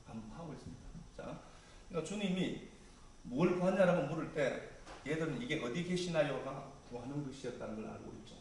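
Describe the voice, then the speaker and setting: Male pastor, mid-pitched, relaxed conversational sermon; distant mic in a very echoey hall with faint ambience. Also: slight background noise. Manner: conversational preaching, paraphrasing scripture in casual speech.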